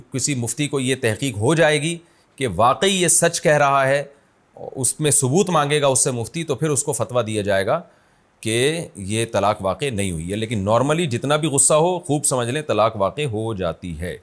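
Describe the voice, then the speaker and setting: A man, an Islamic scholar, answering a viewer's question in a conversational but emphatic religious lecture, explaining with everyday examples. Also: mid-range voice. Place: his office city.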